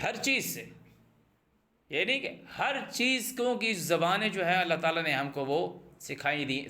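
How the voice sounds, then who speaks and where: A man with a bright, tense voice set a little high, teaching scripture line by line. He recites a verse slowly, then explains it in a quicker conversational flow, circling back to repeat his points. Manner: repeats phrases, speeds up when explaining examples. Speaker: Quran teacher. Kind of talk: verse-by-verse Quran translation and commentary.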